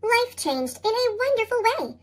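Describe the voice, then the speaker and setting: Squeaky chipmunk-voiced storybook reader. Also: big pitch swings, moderate pace, fairly bright tone. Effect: sped-up, high chipmunk-style pitch shift. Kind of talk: reading picture books aloud.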